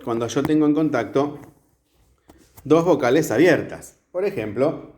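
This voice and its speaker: A man's voice: on the high side, expressive, measured pace, a little mellow. A male teacher explaining a grammar lesson at a whiteboard step by step, often checking in with the class.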